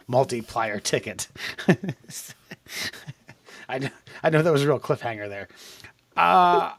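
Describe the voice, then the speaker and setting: A man co-hosting a comedy podcast, introducing topics in a wry, meandering way. He often breaks off and restarts his sentences. His voice sits in an even middle range, dry and close to the mic. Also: medium pitch, no room sound. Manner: rambling, trailing restarts, wry. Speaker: podcast co-host. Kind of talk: casual comedic chat.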